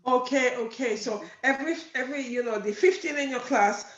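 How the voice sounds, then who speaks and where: A woman's voice: high voice, fairly quick, a bit bright. A woman hosting a conversational interview, asking inquisitive questions and repeating acknowledgements as she listens. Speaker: host interviewer. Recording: roomy, dull lo-fi call audio.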